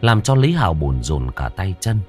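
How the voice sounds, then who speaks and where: A man's voice: sits low, big pitch swings, moderate pace, faint music behind. A man narrating a ghost story in a dramatic, suspenseful way.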